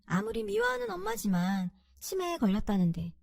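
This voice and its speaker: A woman narrating a dramatized first-person story in a confiding, expressive way. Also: extremely high pitch, brisk, gravelly.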